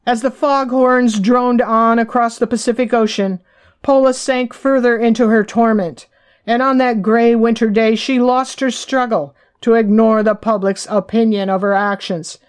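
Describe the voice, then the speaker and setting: A woman reading her own biography aloud as audiobook narration, measured and even. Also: on the high side.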